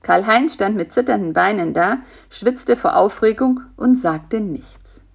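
A woman narrating a children's storybook in an even, gentle reading voice. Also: medium pitch, a little slow, vocal fry, husky.

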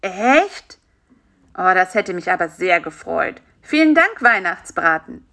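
A woman's voice: lowish voice, big pitch swings, slow, bright, forceful tone, exaggerated voice. A woman doing a sleepy, sulky spider. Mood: sad. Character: tired, stingy, lonely male spider. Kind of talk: children's story reading.

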